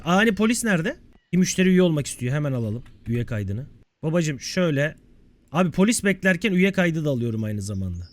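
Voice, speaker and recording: An excitable man talks through a management game in loose let's-play commentary. His voice sits high and leaps around in pitch, and he banters and curses at what happens on screen. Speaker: gameplay video creator.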